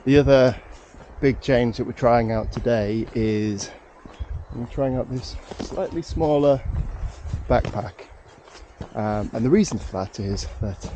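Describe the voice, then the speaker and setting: A walking vlogger in his thirties talks to an action camera as he strolls through the countryside, his voice stuffed up and his manner self-deprecating and rambling, full of restarts. His tone is medium-pitched and mellow, with a faint hiss or hum.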